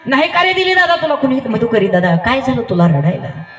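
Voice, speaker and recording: A male preacher doing a tiny five-year-old girl, pleading and sing-song, pitched up over his own voice. The sound is roomy and echoing, with live music playing behind. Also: sing-song, brisk, fairly bright tone, heavily acted.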